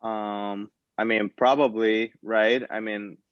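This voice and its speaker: A man from Colombia chats loosely in a casual video interview, rambling a little and laughing easily. His voice sits fairly low. The audio is dry and dull. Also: level tone, slow pace, smooth, no room sound. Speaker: band member, guest.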